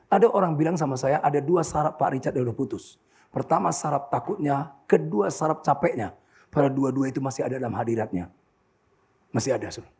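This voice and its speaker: Gravelly, animated preacher man in his sixties. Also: a little high. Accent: Indonesian. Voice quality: gravelly, husky. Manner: animated preaching, addresses congregation as saudara, shouts at climaxes. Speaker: pastor. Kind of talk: sermon. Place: church hall.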